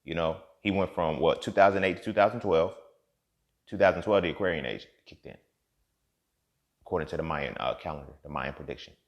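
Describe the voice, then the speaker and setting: A man in his thirties giving a profane, impassioned monologue as a podcast host, swinging from low muttering to loud outbursts. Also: brisk. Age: 30s.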